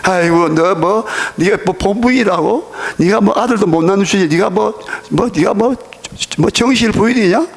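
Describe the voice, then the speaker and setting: Guy doing a nasty jealous wife voice, high and gravelly, all scorn. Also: moderate pace, long reverb tail. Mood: sneering. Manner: scornful, sneering taunts. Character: spiteful jealous rival wife, taunting woman.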